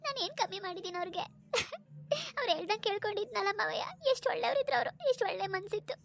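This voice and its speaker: A woman's voice: extremely high pitch, quick pace, fairly bright tone. A woman voicing a tearful, pleading young pregnant village wife in a cartoon, sobbing as she speaks. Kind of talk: cartoon dubbing.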